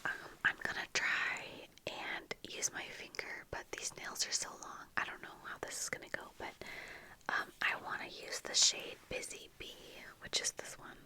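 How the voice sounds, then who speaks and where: A young ASMR creator whispers breathily into a close, fluffy-covered desk mic as she does her makeup, chatting casually in a get-ready-with-me style. She speaks slowly and softly, pausing as she applies products, in a small room lined with bookshelves.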